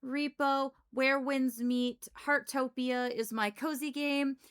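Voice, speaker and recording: High-voiced woman chatting on stream. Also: fairly even intonation, slow, fairly bright tone, smooth. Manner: informal, rambling. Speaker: livestreamer. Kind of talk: casual livestream chat.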